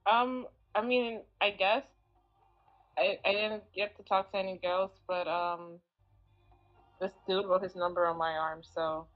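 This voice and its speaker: A woman's voice: medium pitch, steady tone, unhurried, muffled recording, faint music behind. A woman playing her character in a casual tabletop role-play, narrating in a hesitant, offhand way. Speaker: player.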